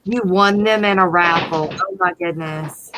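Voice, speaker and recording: A woman's voice: on the low side, background noise. A woman with a Southern US accent, co-hosting a casual livestream chat and agreeing readily. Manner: chatty, agreeable, quick asides. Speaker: co-host.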